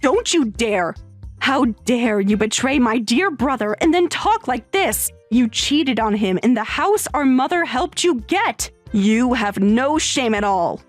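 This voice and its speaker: A woman voicing a stern, scornful sister-in-law in a dramatized text story, low and measured. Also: lively intonation, no echo, faint music behind.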